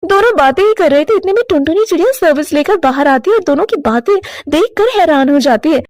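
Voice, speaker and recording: High-voiced woman narrating a cartoon story. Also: animated, quick pace, a little mellow, no echo, studio quality.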